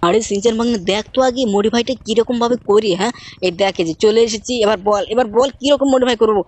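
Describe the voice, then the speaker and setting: A woman hosting a gaming channel, narrating her play with rapid, bossy banter in an uncle role. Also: on the high side, a little mellow. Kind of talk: game role-play commentary.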